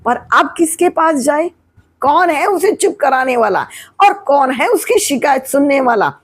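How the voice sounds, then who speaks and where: A woman's voice: high voice, animated, measured pace. A woman in her sixties, a retired teacher, gives patient family advice, asking questions and answering them herself. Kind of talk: explanatory family advice talk.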